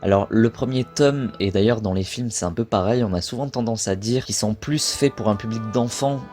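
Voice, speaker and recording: Casting: young French guy, lowish voice, easygoing vlog chatter, faint music bed. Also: moderate pace, darkish tone. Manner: chatty, self-correcting. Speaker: video creator. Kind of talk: casual talk to camera.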